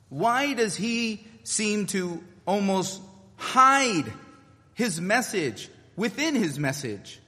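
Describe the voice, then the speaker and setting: A man's voice: medium pitch, a bit bright, long reverb tail. A man preaching a sermon in an earnest way, building his points through rhetorical questions.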